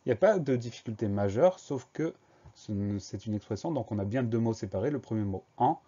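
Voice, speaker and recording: Male teacher, warm dark voice, methodical letter-by-letter spelling, slightly dull lo-fi recording. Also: fairly low pitch, expressive, fairly quick, breathy edge. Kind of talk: spelling lesson for a dictation.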